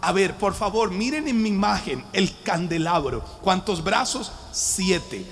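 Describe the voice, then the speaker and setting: A man's voice: high-pitched, lively intonation, measured pace, fairly bright tone, a little hiss or hum. A man preaching a Bible teaching to a live congregation, emphatic and calling on the listeners to respond. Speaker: pastor teaching a Bible study. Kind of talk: sermon-style Bible teaching. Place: church hall with a live audience. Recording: long hall reverb with faint background music.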